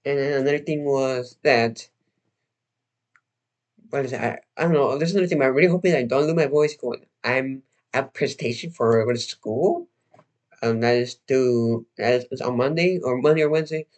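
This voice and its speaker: Here a young man runs a relaxed livestream, his voice a bit hoarse and fading. The medium-pitched voice has a darkish tone, and he rambles in a halting manner, often restarting and leaning on fillers.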